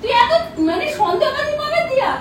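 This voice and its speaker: A woman's voice: extremely high pitch, expressive, brisk, over a noisy crowd. A woman playing the sister-in-law in a comedy prank skit, arguing back defensively. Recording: echoey noisy room from a distance.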